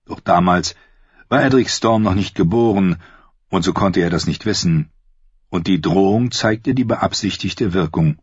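A man narrating a fantasy audiobook in a measured storytelling manner. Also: deep voice, husky, no echo. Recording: dull dry audiobook recording.

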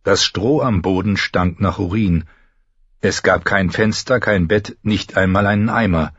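A man narrates a fantasy novel in a measured, somber manner. His voice sits low with a husky grain. The close-miked recording is dry and somewhat dull. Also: fairly bright tone, no room sound. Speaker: audiobook narrator.

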